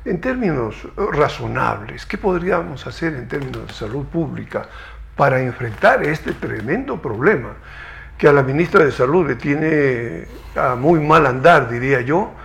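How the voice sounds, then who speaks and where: A man hosting a televised science interview, asking measured, formal questions. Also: medium pitch, expressive, gravelly.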